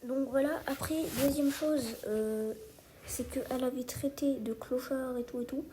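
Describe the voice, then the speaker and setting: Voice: high-pitched, steady tone, measured pace, background noise. A child or young teenager talking casually and hesitantly to subscribers in an informal online video commentary. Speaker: video creator addressing subscribers.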